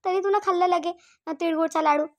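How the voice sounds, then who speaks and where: In a cartoon, a woman plays a fussy, middle-aged village mother with a Varhadi Marathi accent, using a very high voice. She scolds at a quick clip in a steady tone, nagging, repeating herself, and tacking tag questions onto her lines.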